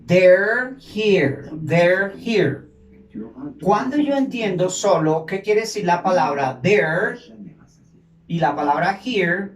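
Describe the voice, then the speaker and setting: A male teacher giving a bilingual grammar lesson to children, slowly repeating words for his pupils. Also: high voice, roomy sound, far from the mic, low-quality recording.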